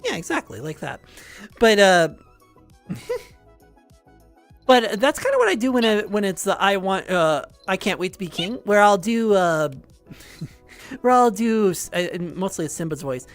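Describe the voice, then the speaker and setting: A woman's voice: mid-range voice, very animated, a little slow, long pauses, soft background music. Woman streamer just chatting, lots of laughing, voice jumps around a lot. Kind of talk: casual chat.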